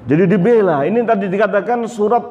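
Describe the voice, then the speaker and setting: A man giving a Quran exegesis sermon, telling the story with animated recitation and translation. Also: high voice, brisk, slight background noise. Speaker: preacher. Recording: echoey hall, dull lo-fi sound.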